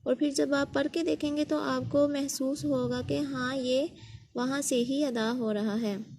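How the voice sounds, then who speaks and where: A high-pitched woman teaches recitation in a slow, careful lesson. She repeats each letter sound so learners can copy it. Faint background noise sits under her voice. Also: fairly even intonation, a little mellow. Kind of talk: patient step-by-step pronunciation lesson.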